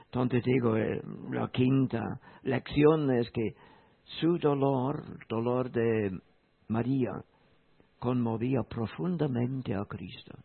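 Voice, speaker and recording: A man preaching a sermon in a slow, emphatic way, repeating key phrases. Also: medium pitch, vocal fry, slightly rough. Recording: tinny phone-like sound.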